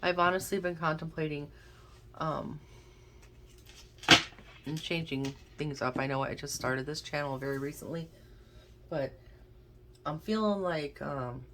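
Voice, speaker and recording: A woman doing a casual pick-a-card reading, thinking aloud with many restarts and a gentle, encouraging manner. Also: low-pitched, unhurried, long pauses, background noise. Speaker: tarot card reader.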